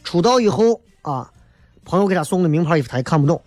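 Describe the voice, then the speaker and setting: A man's voice: a little high, lively intonation, fast talker, a little mellow, dry recording, soft background music. A man hosting a talk show, giving a casual comedic monologue in a colloquial, emphatic way, often tossing in rhetorical questions.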